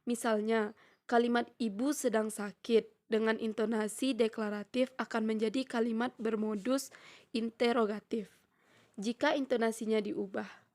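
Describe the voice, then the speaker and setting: A young woman student reading a prepared lecture in a steady, measured way, slowing down when she reads out example sentences. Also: fairly high pitch. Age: young adult. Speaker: student presenter.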